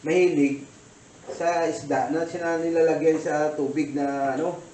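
A man's voice: a little high, steady tone, a little slow, mellow, reverberant, distant mic, slight background noise, low-quality recording. A man from the Philippines who vlogs about cooking, telling a rambling story in a casual chat while he cooks in a kitchen. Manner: rambling storytelling with many fillers. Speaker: cooking vlogger.

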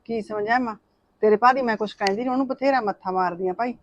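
An older woman plays a mother torn between her son and his wife. She pleads and frets in quick, hurried speech. The sound is dull and muffled. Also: a little high, dry recording, lightly acted. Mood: fretful. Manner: pleading, fretful. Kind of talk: Punjabi short film acting.

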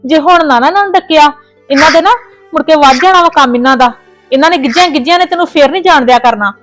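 Speaking fast in a high, slightly bright voice, a woman acts out a family drama as a mother on the phone with a Punjabi accent. Anxious and fiercely protective, she soothes her daughter and scolds the in-laws in indignation. The recording has no echo, with soft background music.

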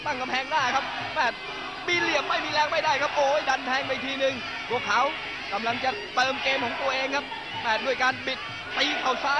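A man giving excited boxing commentary on Muay Thai, exclaiming urgently as he calls each move. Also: very high-pitched. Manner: exclamatory, urgent play-by-play delivery. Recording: lo-fi TV broadcast, loud music, crowd noise. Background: loud fight music and stadium crowd.

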